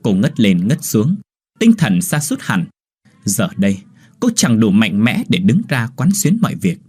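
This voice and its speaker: A man's voice: lowish voice, huge pitch swings, measured pace, a little mellow, husky. A man narrating a Vietnamese ghost story in a dramatic, vivid scripted reading.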